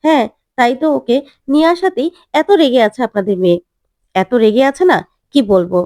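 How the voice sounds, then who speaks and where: Woman doing a cocky young doctor guy, rambles on teasingly, high pitch. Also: sing-song, brisk, a little mellow, dry recording, clean studio sound. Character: teasing young male doctor, self-assured suitor.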